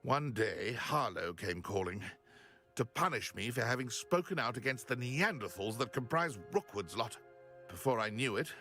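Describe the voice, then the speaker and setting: A shaken, grieving widower. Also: male voice, medium pitch, pushed and bright. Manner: sorrowful, sighing, formal speech.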